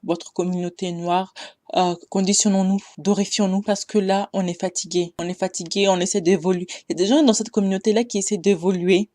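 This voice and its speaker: A woman's voice: fairly low pitch, darkish tone, no room sound, studio quality. A young woman giving a casual storytime monologue, exhorting her listeners with passion and many hesitations. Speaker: storyteller addressing her audience.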